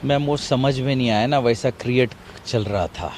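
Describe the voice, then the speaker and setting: A grieving middle-aged father speaking in a halting, repetitive way during an outdoor TV interview. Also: medium pitch, a little mellow, a little hiss or hum. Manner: halting, grief-stricken, repetitive. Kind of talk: emotional TV interview.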